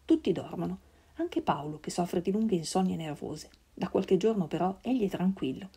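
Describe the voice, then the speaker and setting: A woman reading a literary novel aloud in a measured, solemn way. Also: on the low side, animated, dark tone, husky. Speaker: reader.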